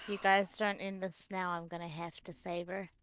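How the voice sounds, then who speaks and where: A woman's voice: on the low side, flat delivery, moderate pace, a bit bright, a little hiss or hum. A woman casually describing her character's actions as a player in a tabletop game.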